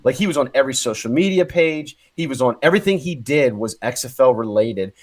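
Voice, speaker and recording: A man co-hosting a casual sports podcast over a video call, agreeable and quick to back up the others' points. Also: medium pitch, animated. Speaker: podcast co-host.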